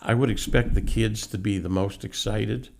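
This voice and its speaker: A man's voice: on the low side, steady tone, moderate pace. A middle-aged man who runs a horse carriage farm, telling folksy stories about his horses in a casual interview. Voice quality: gravelly. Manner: folksy, anecdotal storyteller.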